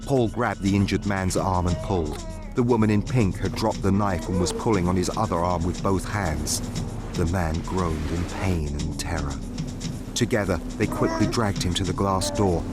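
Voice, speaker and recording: A man who streams spooky stories, reading a horror story aloud in a steady, measured way. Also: deep voice. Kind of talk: scripted horror story narration. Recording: music playing behind the voice.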